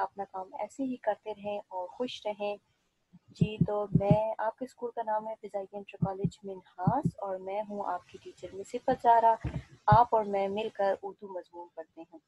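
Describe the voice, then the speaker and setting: A woman teacher giving an Urdu alphabet lesson to young children, slowly repeating each letter sound and example word. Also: medium pitch, warm tone, no echo, muffled recording. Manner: slow, clear, repetitive drilling of sounds.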